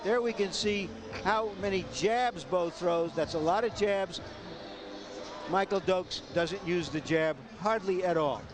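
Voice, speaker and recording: A man with a high voice offers colour commentary on a live boxing broadcast. His remarks are plain, short and declarative. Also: unhurried. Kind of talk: live sports analysis. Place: ringside in a large arena.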